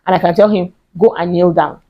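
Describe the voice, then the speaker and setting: A woman's voice: fairly low pitch, fairly even intonation, a little fast, muffled recording. A woman in her thirties giving earnest, chatty parenting advice to camera, repeating points for emphasis. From Nigeria. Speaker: parenting vlogger. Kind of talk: casual advice talk to camera.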